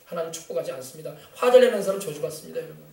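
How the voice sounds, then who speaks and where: A man preaches with quick, urgent emphasis, prodding his listeners with rhetorical questions. His voice sits high for a man and rings through an echoey sanctuary. He is heard from some distance from the mic. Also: lively intonation, gravelly, dark tone. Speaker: pastor. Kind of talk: sermon. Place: church sanctuary. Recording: echoey church from far off.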